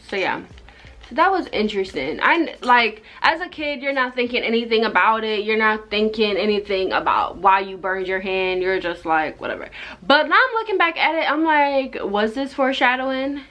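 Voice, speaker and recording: A woman's voice: mid-range voice, big pitch swings, normal speed, sharp tone. A young woman from Jamaica telling a personal story in a casual, rambling, conversational way. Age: young adult. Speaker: vlogger. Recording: music behind the voice. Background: background music.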